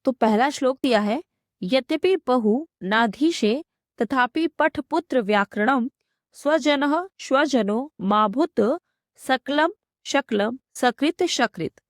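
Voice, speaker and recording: A Sanskrit teacher with a voice on the high side works through a school textbook lesson, reading each phrase aloud and then giving its meaning line by line. The recording is dry and studio quality.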